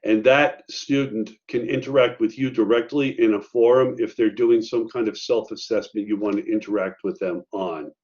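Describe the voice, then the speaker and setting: A man's voice: lowish voice, fairly even intonation, normal speed, few pauses, a little mellow. A man presenting an online training workshop for teachers in a conversational way, with many fillers and asides. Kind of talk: online faculty training talk. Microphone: video call. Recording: muffled video-call audio.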